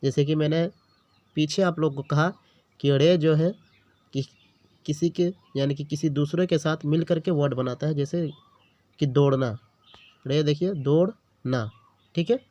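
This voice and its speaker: Slow, patient male language teacher. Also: a little high, mellow. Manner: patient, sounds out letters and words one by one; repeats each word, checks in with the learner often. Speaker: Urdu teacher. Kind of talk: beginner language lesson. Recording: dull lo-fi recording.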